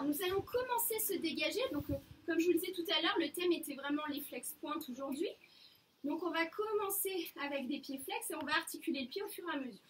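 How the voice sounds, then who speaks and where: A woman teaching a floor barre class, giving short calm commands. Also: very high voice. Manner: calm counting cues, short commands, slow. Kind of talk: instructing an exercise class. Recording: distant mic with faint room noise.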